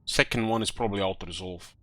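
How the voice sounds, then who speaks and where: A man giving casual, halting commentary on a strategy game as he plays, thinking aloud. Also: fairly low pitch, bright, forceful tone, a little hiss or hum. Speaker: gamer commentating own play.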